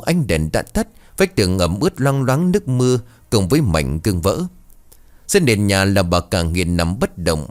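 A man narrating a scripted horror story in a dramatic, expressive way. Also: low voice.

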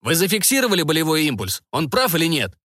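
A man voicing a gruff older male counter-admiral who talks bluntly in an audiobook. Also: on the high side, big pitch swings, fast talker, bright, forceful tone, no room sound, studio quality, pitched above the performer's own voice, full character voice. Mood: impatient. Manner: blunt, clipped. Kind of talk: audiobook character voice.

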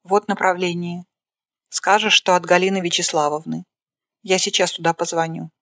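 A reader voicing a calm male doctor who talks in a brisk, matter-of-fact way. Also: medium pitch, dry recording, clean studio sound.

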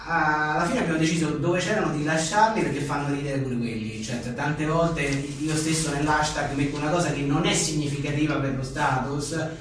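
A journalist and author is interviewed live about his book at an echoey indoor venue, talking casually in a rambling, self-deprecating, joking way. His voice is a little high and a little fast, fairly bright, with hardly any pauses. The room is very echoey, with a distant mic and faint noise.

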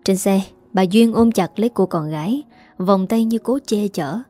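Mellow-voiced woman narrating a story. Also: medium pitch, normal speed, soft background music.

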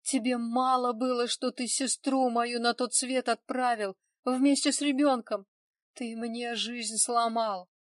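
A woman's voice: fairly high pitch, fairly even intonation, measured pace, no room sound, studio quality, far from the mic, lightly acted. Woman reading as a screaming heartbroken nurse. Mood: sobbing fury. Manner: screaming and sobbing accusations. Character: distraught young female nurse, vengeful and heartbroken. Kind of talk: audiobook reading.

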